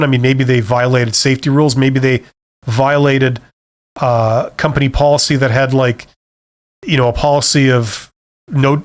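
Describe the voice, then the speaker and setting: A middle-aged man talks loosely through viewer questions on a live stream, mixing jokes with practical advice. He reads each question aloud and slips into quick bits of quoted speech. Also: medium pitch. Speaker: host answering viewer questions.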